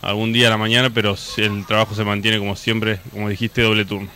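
A man's voice: lowish voice, level tone, quick pace, sharp tone, slight background noise. A young man with an Argentine accent, a basketball player giving plain, modest answers in an interview. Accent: Argentine Spanish.

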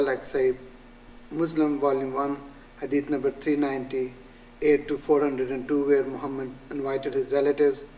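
An older man with a Pakistani accent answers interview questions in an earnest, halting way, stopping often on "uh" as he quotes sources. His pitch sits in the middle for a man. He is a little distant from the camera mic in a small studio room. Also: a little mellow. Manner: earnest, halting with frequent "uh" pauses, quoting scripture. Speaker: pastor, guest.

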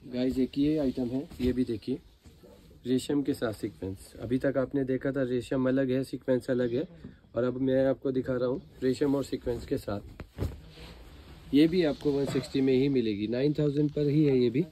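An Indian man selling to viewers in an eager, urging, informal teleshopping pitch. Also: fairly even intonation, normal speed, warm tone, slight background noise. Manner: eager, urging sales patter, repeatedly addressing viewers. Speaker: fabric seller and channel host.

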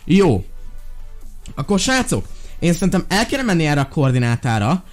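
A man hosting a Minecraft let's-play, talking in an animated, exclaiming way and giving bossy orders, with a lingering cough after being ill. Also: a little high, faint music behind. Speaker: gaming video host.

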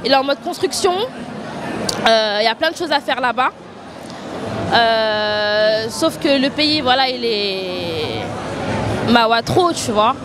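High-voiced young woman, giggly and blunt. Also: animated, slow pace, long pauses. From France, with Congolese roots. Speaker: passerby interviewee. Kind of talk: street interview answers. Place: busy city street outdoors. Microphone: handheld mic held by interviewer. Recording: street crowd and noise behind.

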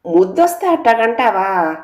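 A woman voicing a sharp-tongued old grandmother who scolds and teases. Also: a little high, big pitch swings, moderate pace, pitched above the performer's own voice. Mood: teasing scold. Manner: scolding, teasing. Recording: roomy echo.

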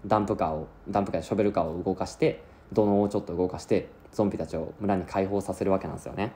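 A man's voice: deep voice, steady tone, rapid-fire, warm tone, slight background noise. A man recapping an anime plot in a chatty, casual way, acting out lines as he goes. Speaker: anime reviewer.

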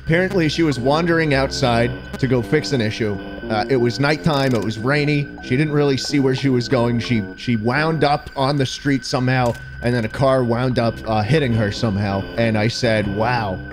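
A man giving loud, excitable, swearing commentary while playing a game. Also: medium pitch, normal speed, few pauses. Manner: excitable, swearing, laughing outbursts. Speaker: gaming streamer. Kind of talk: let's-play commentary. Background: game music.

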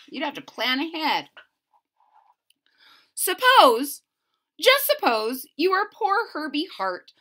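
A storyteller gives an expressive read-aloud of a picture book for children, her high, bright voice rising and falling dramatically in a small home room. Key words get theatrical stress, and she breaks off between verses for relaxed, chatty remarks.

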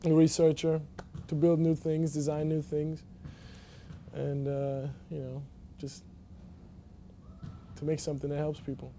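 A young college athlete from Germany answers questions in a relaxed, halting way, full of ums and restarts. His voice is mellow and a little high for a man. He sits in an empty indoor arena. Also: slight background noise. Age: young adult. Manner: hesitant, many fillers and restarts. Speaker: college basketball player. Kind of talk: casual interview answers.

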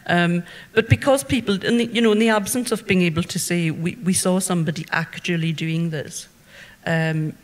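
A man speaks on a panel in a public hall, choosing his words carefully with hesitant fillers. His voice sits a little high for a man. Long reverb from the hall hangs around each phrase. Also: fairly even intonation. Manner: measured, thoughtful, with hesitant fillers. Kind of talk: panel discussion at a public event. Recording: hall reverb from a live talk.

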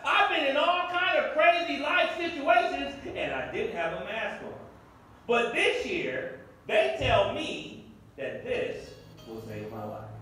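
A man's voice: very high-pitched, sing-song, slow, bright, forceful tone, a little hiss or hum. A man in his fifties preaching a sermon as pastor, emphatic and repetitive, heard from a distance in an echoey room. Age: 50s.

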